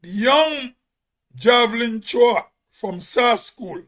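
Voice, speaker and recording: High-voiced slow Grenadian man. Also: expressive, fairly bright tone. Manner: slow, emphatic, preachy. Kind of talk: spoken commentary.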